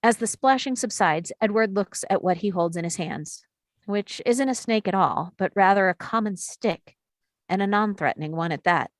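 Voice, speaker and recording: A woman's voice: mid-range voice, normal speed, dry recording. Woman reading stage directions, dry sound. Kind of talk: table read narration.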